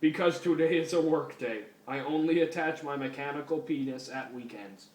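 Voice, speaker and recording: A man voicing a stiff, literal-minded male cyborg cop who talks flatly in broken grammar, recorded at a distance in a roomy space. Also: a little high, moderate pace, close to an everyday voice. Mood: deadpan. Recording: roomy, distant mic, faint noise.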